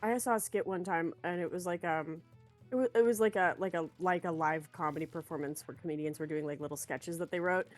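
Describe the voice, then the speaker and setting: A woman's voice: fairly low pitch, fairly quick, soft background music. A woman co-hosting a game stream in casual, slangy, enthusiastic chat.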